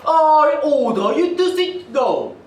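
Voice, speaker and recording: A woman's voice: high voice, animated, takes it slowly, a little mellow. A young woman playing a pompous, bossy king in a student stage play, making grand, commanding declarations. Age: young adult. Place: theater stage. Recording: echoey hall from far off.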